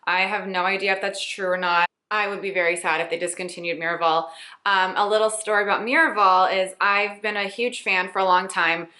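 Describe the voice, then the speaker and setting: Woman, late twenties, bright crisp voice, chatty and playful, roomy echo. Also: mid-range voice, fairly even intonation, brisk. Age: late 20s. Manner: chatty, playful, self-teasing. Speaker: lifestyle blogger. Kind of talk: casual rapid-fire Q&A vlog.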